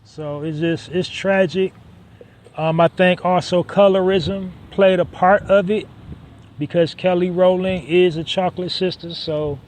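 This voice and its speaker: Man hosting a solo podcast, fairly high voice. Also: steady tone, measured pace, a little mellow. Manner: conversational, emphatic repetition, frequent "um" fillers. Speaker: podcast host.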